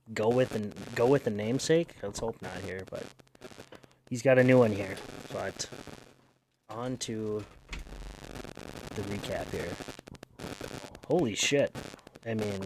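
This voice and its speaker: A man's voice: medium pitch, a little mellow. A man casually co-hosting a fantasy football podcast in easygoing, joking banter, his microphone crackling with buzzing interference from a phone next to it. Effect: buzzing phone interference crackling on his mic. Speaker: co-host. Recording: faint crackling interference from a phone near the mic.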